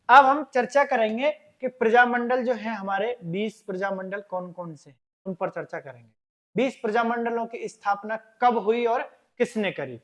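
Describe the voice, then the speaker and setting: A male teacher with a Rajasthani Hindi accent, giving a loud, emphatic classroom lecture in a classroom and drilling words syllable by syllable. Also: high-pitched. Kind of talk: classroom lecture with memory trick.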